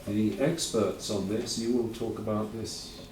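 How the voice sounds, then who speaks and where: In a roomy lecture hall, a conference host speaks from a distance in a lowish, steady voice, unhurried, over a noisy background. His informal talk rambles and corrects itself, sprinkled with dry asides.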